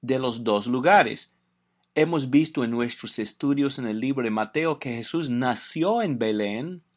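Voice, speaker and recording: An older man from the southern United States, a native English speaker, giving a calm, measured recorded Bible lesson for a phone line. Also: medium pitch. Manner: calm, measured, reads scripture slowly. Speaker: Bible teacher.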